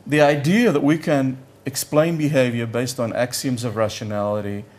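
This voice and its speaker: The speaker is an older male professor, a native Yiddish speaker, lecturing at a conference in a blunt and conversational style. He keeps a steady, darkish, medium-pitched tone at normal speed, frequently pausing to hunt for words and saying things twice.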